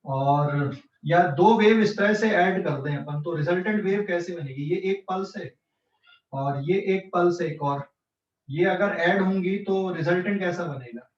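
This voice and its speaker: A man's voice: sits high, unhurried. A man teaching physics in an online class, explaining step by step and checking often whether students follow, with a central Indian accent. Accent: Hindi-English mixed speech, central Indian. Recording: echoey distant lo-fi online class.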